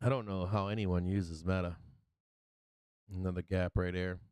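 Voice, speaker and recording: Blunt, jokey man with very smooth, clear voice. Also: sits low, level tone, normal speed, a little mellow, dry recording. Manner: blunt, profane, slangy; jokey, chuckles often at own remarks. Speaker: host of a live stock market show. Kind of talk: casual live trading commentary.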